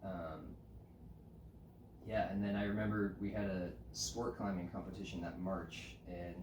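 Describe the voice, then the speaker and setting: A man with a lowish voice, a podcast guest from the United States, recounts his story casually and with a lively, laughing energy. He sits a little off the microphone in a roomy space. Faint background noise sits under the voice. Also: measured pace, recorded from a distance. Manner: animated, often laughing, frequent "like" fillers. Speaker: podcast guest, climbing route setter.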